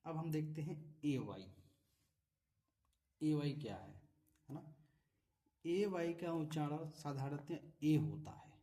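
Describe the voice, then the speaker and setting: Hindi-speaking man teaching vowel sounds, dark-toned. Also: fairly high pitch, expressive, slow, pauses often. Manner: patient, repeats examples, frequent tag questions. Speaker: English pronunciation teacher. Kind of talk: classroom-style explanation. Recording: voice from a distance off the mic.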